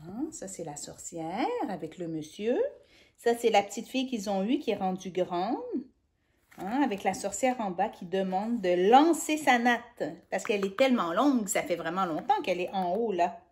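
A woman with a Québécois accent, hosting a children's story hour, reading a storybook aloud in an animated, sing-song way and talking directly to the child. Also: medium pitch, moderate pace. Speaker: children's storyteller and channel host.

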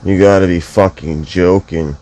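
A man's voice: low-pitched, fairly even intonation, moderate pace, warm tone, low-quality recording. A man commentating his mobile game casually, groggy from just waking up, swearing and muttering to himself. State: just woke up, yawning.

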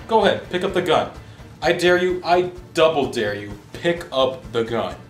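A man's voice: a little high, roomy sound. A man acting a sarcastic, menacing gangster who taunts his captive in an amateur short film. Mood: taunting. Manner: mocking, taunting, theatrical.

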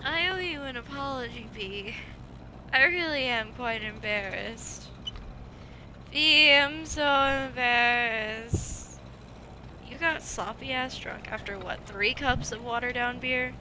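A woman voicing a tired, blunt young female crocodile in a game, with a flat, low, cutting delivery. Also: slow, background noise. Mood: exasperated.

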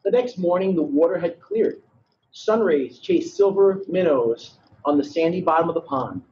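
A man's voice: on the high side, animated, normal speed, darkish tone. Man reading to children, dull call audio. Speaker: read-aloud co-host, educator. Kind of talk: storybook reading and friendly chat with children. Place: large meeting room indoors. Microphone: video call, distant from camera.

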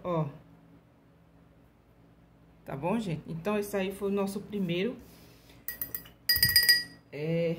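Mulher brasileira explicando pinceladas devagar. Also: female voice, fairly low pitch, a little mellow, slight background noise. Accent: Brazilian Portuguese. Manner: chatty, constantly checking in with "tá?" and "ó"; slow, deliberate demonstration while painting. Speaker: nail art tutorial host. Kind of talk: casual step-by-step tutorial.

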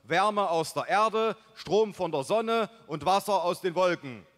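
A man voicing an enthusiastic, proud father who loves tinkering, speaking loud and eager. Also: high voice, steady tone, brisk, pitched above the performer's own voice. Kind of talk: comedic reading. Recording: long stage reverb.

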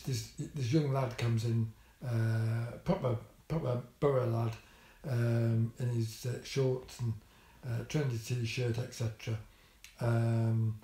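A man's voice: mid-range voice, dark tone. Wry older man in an echoey room. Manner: dry, wry humour with many ums and restarts. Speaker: vlogger. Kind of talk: casual spoken vlog storytelling.

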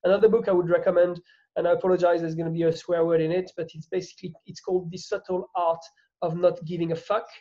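French-accented man, earnest and halting. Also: high-pitched, little pitch movement, dark tone, muffled recording. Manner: earnest, many restarts and repeated words. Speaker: guest. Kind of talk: casual interview chat.

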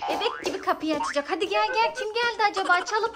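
A woman playing with her small children and talking to them in a lively, coaxing way for a family vlog. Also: very high voice, rapid-fire, heavy background noise. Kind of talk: casual family vlog chat.

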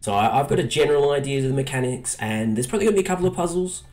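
A man's voice: medium pitch, expressive, rapid-fire, darkish tone. A man hosting a casual let's play, joking and laughing often while commenting on a puzzle game.

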